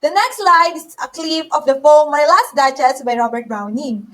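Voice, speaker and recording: A woman's voice: high voice, normal speed, a bit bright. A woman student teacher presenting a poem and its poet to a class in a recorded teaching demonstration, upbeat and speaking straight to her listeners. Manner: upbeat, addresses the class directly.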